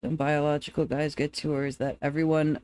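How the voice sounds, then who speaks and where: A streamer with an androgynous to femme-sounding voice, chatting casually with viewers in a rambling, relaxed way. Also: mid-range voice, brisk, no echo. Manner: relaxed, rambling, laughs often, restarts sentences.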